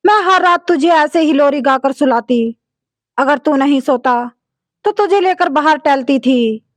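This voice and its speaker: A woman voicing an elderly, patient and loving mother who speaks gently and softly in a storybook tale. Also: high-pitched, a little slow, dry recording. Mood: gentle. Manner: gentle, soft-spoken.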